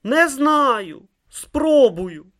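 A reader voicing an exhausted, stubborn young novice monk who speaks slowly and with strain in an audiobook. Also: high-pitched, sing-song, a bit bright, pitched above the performer's own voice, full character voice. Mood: strained resolve. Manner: slow, strained, determined. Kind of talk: audiobook character voice.

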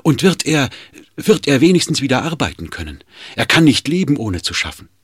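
A man's voice: medium pitch, very animated, fairly quick, breathy edge, no room sound, studio quality, pitched above the performer's own voice. A man voicing a distraught, devoted assistant in agitated, lamenting outbursts. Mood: pleading.

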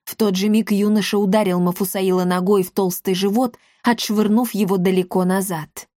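A woman narrating a fantasy audiobook in an even, clear storytelling manner. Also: mid-range voice, normal speed, dry recording. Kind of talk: scripted narration.

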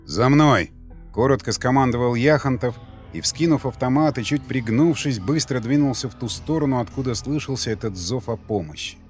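A man narrating an audiobook in steady storytelling and acting out the characters. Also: mid-range voice, brisk, faint music behind. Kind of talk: scripted narration.

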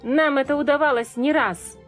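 A determined storybook girl crying out boldly, her voice lifted high and loud, as a woman reader puts her on. Faint music plays beneath the reading. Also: fairly even intonation, moderate pace, close to an everyday voice. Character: bold, determined young girl.

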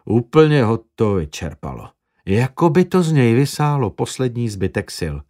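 Expressive male audiobook narrator. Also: mid-range voice. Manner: expressive storytelling.

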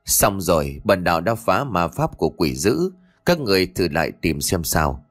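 A man voicing a stern old male Taoist exorcist, who speaks slowly, solemnly and gravely. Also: fairly low pitch, very animated.

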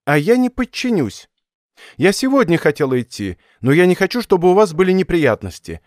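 A man's voice: high-pitched, very animated, brisk, darkish tone, no room sound, studio quality, voice pushed up. A man reading an audiobook voices a stubborn, superstitious young woman student, talking in a raised, pleading, headstrong way. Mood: insistent.

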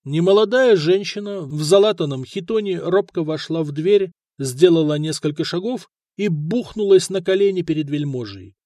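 A man narrating an audiobook story in a steady, expressive storytelling manner. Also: fairly high pitch, normal speed, hardly any pauses, no room sound, studio quality. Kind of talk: scripted narration.

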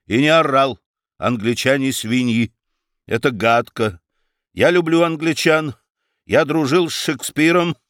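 A stubborn, wistful old baron who talks in a quiet, measured way, as a man reads him aloud. His lines come soft and unhurried. The recording is dry and close, with no room sound. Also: medium pitch, no room sound, voice pushed up, natural voice. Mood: indignant. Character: aging male baron, calm, stubborn, wistful.

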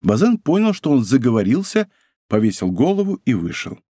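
A man narrating an audiobook in an expressive, theatrical reading on a close studio mic. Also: mid-range voice, brisk, no room sound.

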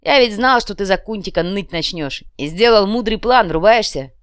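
A woman voicing a short, crude, boastful male red-cap gang boss in an audiobook, talking loud and slangy with a swagger. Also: mid-range voice, expressive, moderate pace, dry recording, studio quality, lightly acted. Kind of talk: audiobook character voice.

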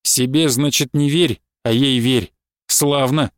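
A man's voice: medium pitch, steady tone, no room sound, close to an everyday voice. A man reading aloud and voicing a spiteful, embittered husband who drags his words out with a sneer and flares into angry outbursts. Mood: sullen. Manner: sneering, drawn-out, flaring into shouts.

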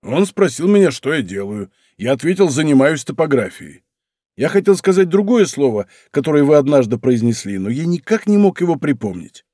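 A man voicing a big, clumsy, good-natured giant who talks loud, slow and bewildered. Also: a little high, sing-song, dry recording, clean studio sound. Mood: bumbling loud.

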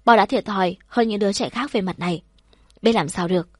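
A woman narrating a first-person story in a soft, measured, heartfelt way. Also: mid-range voice, slightly rough, no room sound, studio quality.

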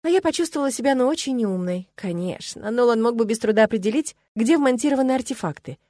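A woman narrating a first-person story for an audiobook in an even, measured way. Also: a little high, no echo, clean studio sound.

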